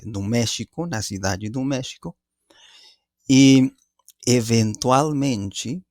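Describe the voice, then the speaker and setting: A man in his forties with a Mexican Spanish accent answers interview questions slowly and deliberately, searching for his words. His voice has a gravelly fry. The sound is dry and close. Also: mid-range voice, a little mellow, no echo. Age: 40s. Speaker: guest professor.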